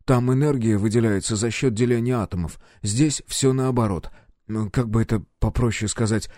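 A man's voice: medium pitch, moderate pace, dark tone, no room sound, clean studio sound, lightly acted. A man reading an audiobook and voicing a touchy male ship engineer who explains things in a raised voice. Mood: explaining.

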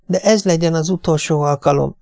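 Man voicing a high, whining, tearful wife, gravelly edge. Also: lively intonation, darkish tone, no echo, clean studio sound. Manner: tearful, pleading, high-pitched whine. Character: whining anxious middle-aged wife. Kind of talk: audiobook character voice.

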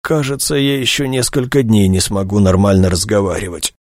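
Male narrator doing a hoarse, wheezing detective, raised pitch, dry close sound, audiobook. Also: expressive, moderate pace, a little mellow, no echo, close to an everyday voice. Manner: rasping, partly whispered lines.

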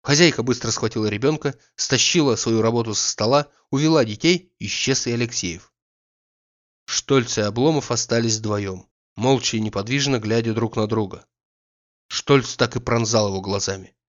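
A man narrating a classic novel in an audiobook, with measured, even storytelling, in a slightly dull recording. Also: medium pitch.

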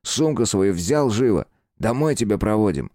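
A man's voice: on the low side, big pitch swings, moderate pace, warm tone, no echo. A man voicing a cocky teenage schoolyard bully who mocks and bosses his victim, in a dry, close recording. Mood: taunting. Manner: mocking, bossy.

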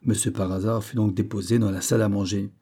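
Husky low-voiced male audiobook narrator. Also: flat delivery, fast, warm tone. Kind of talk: scripted narration of a classic novel.

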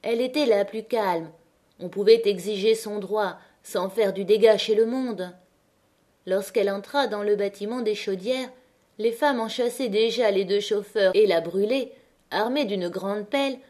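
A woman narrating an audiobook of a classic novel in a measured, dramatic reading. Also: medium pitch, warm tone. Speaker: audiobook reader.

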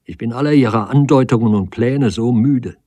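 A man reading the part of a proud young woman who speaks in a sharp, reproachful way in a storybook reading. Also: lively intonation, normal speed, slightly rough, dry recording. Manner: sharp, reproachful, rising pitch.

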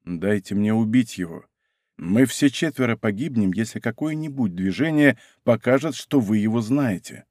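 A man reading an audiobook, voicing a swordsman who speaks low and urgently. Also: expressive, moderate pace, darkish tone, no echo, studio quality. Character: bold grown Gascon swordsman, urgent and secretive.

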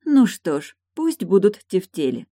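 A single reader voicing a sharp-tongued, bitter woman who walks with a cane, raised a little above their own voice, in audiobook style. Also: mid-range voice, big pitch swings, unhurried, no room sound, studio quality, voice pushed up. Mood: cold. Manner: mocking, bitter. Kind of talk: audiobook character voice.

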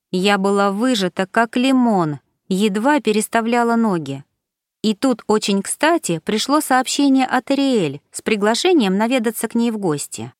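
A woman narrating a first-person novel as an audiobook. Her voice sits in a middle pitch and carries the story in a measured, expressive way. The recording is dry and close, with no room echo.

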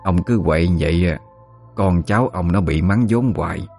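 A man voicing an elderly female village exorcist, speaking slowly and with authority in a Southern Vietnamese accent. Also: sits low, darkish tone, soft background music, natural voice. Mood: calm. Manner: slow, soothing, commanding.

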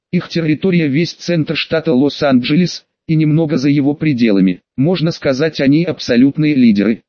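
A man narrates an audiobook in the first person with a brash, crude edge. His voice sits a little high for a man. The recording is dry and close, with a dull, lo-fi tone. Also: no room sound.

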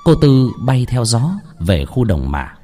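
Dramatic storyteller man, lively pitch. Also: slow pace. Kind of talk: narrating a ghost story.

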